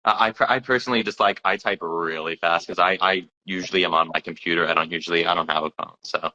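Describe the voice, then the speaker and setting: A young man hosts a casual livestream chat in a bright, somewhat low voice. He talks loosely, restarting and repeating words, and his sound comes through muffled lo-fi stream audio. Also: fairly even intonation, fast. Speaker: singer-songwriter hosting a livestream.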